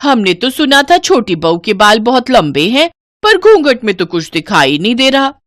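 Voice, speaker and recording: A woman's voice: fairly high pitch, very animated, fairly bright tone, no room sound, studio quality, pitched above the performer's own voice. A woman voicing a gushing, nosy older neighbor woman in a cartoon story, who draws out her greetings. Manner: drawn-out, effusive, nosy.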